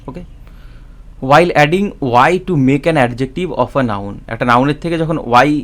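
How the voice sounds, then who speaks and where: A man's voice: medium pitch, a bit bright. Man explaining spelling rules patiently. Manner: explains patiently, often checks with "right?", spells words out letter by letter. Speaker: English teacher. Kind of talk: spoken grammar lesson.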